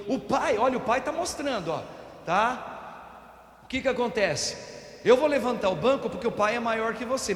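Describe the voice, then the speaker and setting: High, animated Brazilian priest in echoey church. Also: male voice. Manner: lively, folksy storytelling with everyday examples. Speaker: parish priest. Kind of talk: Easter homily. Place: parish church. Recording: echoey church with long reverb.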